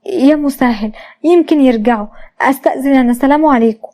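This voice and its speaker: Fretful flustered egyptian guy in a storybook tale, a woman doing him, high and quick. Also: warm tone, lightly acted. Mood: worried. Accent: Egyptian Arabic. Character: worried anxious middle-aged man.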